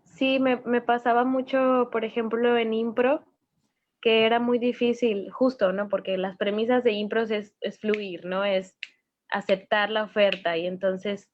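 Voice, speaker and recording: A woman's voice: a little high, steady tone, a little slow, no echo, lo-fi sound. A woman with a Venezuelan accent, speaking thoughtfully with some hesitant restarts in an interview. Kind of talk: casual video-call interview.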